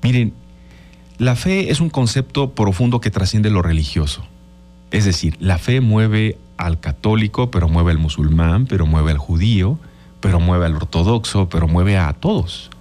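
A man's voice: deep voice, animated, moderate pace, dark tone, slight background noise. A Mexican man hosting a radio show, giving an explanatory reflection and turning to his listeners with frequent tag questions. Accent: Mexican Spanish. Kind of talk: reflective talk.

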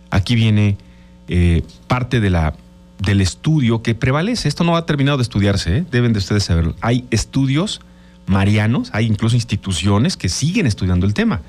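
Lowish-voiced Mexican man giving a radio reflection. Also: a little mellow. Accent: Mexican Spanish. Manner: explanatory, addresses listeners directly with tag questions. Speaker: radio show host. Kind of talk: reflective talk.

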